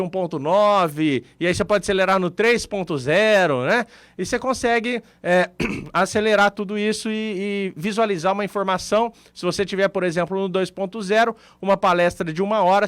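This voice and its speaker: High-voiced Brazilian man talking radio. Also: a bit bright, clear, resonant tone, dry recording. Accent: Brazilian Portuguese. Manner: conversational, explains with everyday examples. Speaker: radio show co-host. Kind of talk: casual radio talk.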